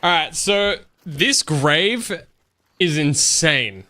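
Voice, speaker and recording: A man's voice: fairly high pitch, lively intonation, extremely slow, bright, forceful tone. A man streaming a game with casual, offhand commentary, thinking aloud and swearing freely. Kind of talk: casual live gameplay commentary.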